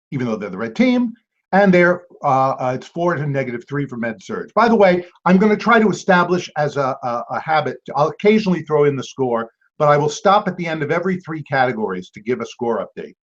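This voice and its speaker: A man's voice: fairly high pitch, very animated, brisk. A man hosting an online trivia game as quizmaster, playful, with jokey asides. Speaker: trivia quiz host. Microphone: video call. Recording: dull lo-fi video call audio.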